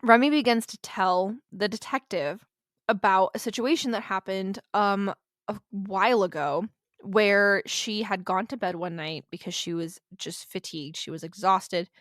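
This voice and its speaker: A woman hosting a podcast tells a true-crime story in a loose, chatty way. She swears freely and breaks off for jokes and asides. Her voice sits at an ordinary middle pitch and sounds close and dry, with no room echo. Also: moderate pace, a bit bright. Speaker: podcast host.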